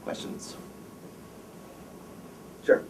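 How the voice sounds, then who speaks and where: This career lecture comes from a man in his fifties who runs a wealth management firm; he is blunt, opinionated, and keeps quizzing the students. He speaks extremely slowly. Captured from afar in an echoey lecture room, the audio carries faint noise.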